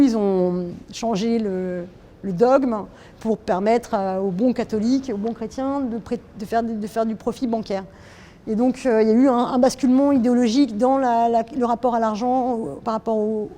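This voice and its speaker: A woman's voice: a little high, steady tone, fairly quick, mellow. A French woman artist giving a casual guided tour of her own drawing, hesitant, with many restarts and fillers. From France. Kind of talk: casual spoken explanation.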